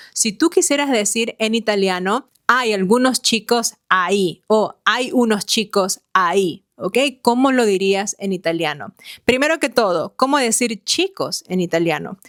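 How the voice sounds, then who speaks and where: A woman's voice: mid-range voice, a bit bright, dry recording, studio quality. A woman teaching an online language lesson, explaining step by step and asking the learner questions as she goes.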